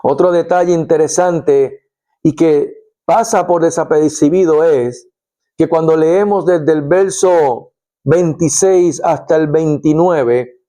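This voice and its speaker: A middle-aged preacher teaches from the Bible, acting out scenes as he goes. His voice sits a little high but sounds mellow and dark. He speaks very slowly and deliberately. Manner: animated storytelling, acts out scenes.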